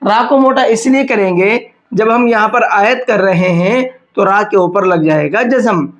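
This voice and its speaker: A man teaching a tajweed lesson, patiently asking himself questions and then answering them, and slowing down to draw out words as he demonstrates. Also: sits high. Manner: slows down to demonstrate words drawn out. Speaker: Quran teacher. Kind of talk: tajweed lesson explaining pronunciation.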